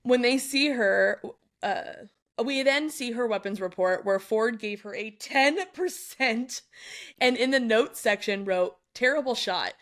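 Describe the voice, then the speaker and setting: A young adult woman co-hosting a book club podcast, recapping chapters in an animated, casual way with frequent laughs and quick asides. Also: fairly high pitch.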